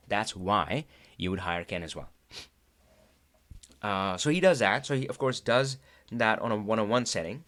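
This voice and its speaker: Hosting a live talk, a middle-aged Indian man with a lowish voice keeps things chatty and lively, laughing frequently. Hindi is his first language, and his accent is Indian.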